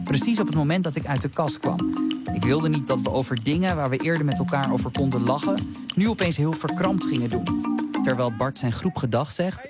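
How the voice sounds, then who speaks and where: A man narrating his own radio documentary in scripted voice-over, candid and reflective. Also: a little high. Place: studio voice-over. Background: music bed.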